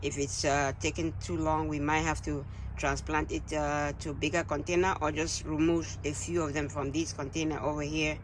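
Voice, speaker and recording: A man hosting a casual gardening update in a greenhouse, speaking in a halting, hesitant way. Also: on the high side, little pitch movement, a little hiss or hum. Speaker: gardening channel host.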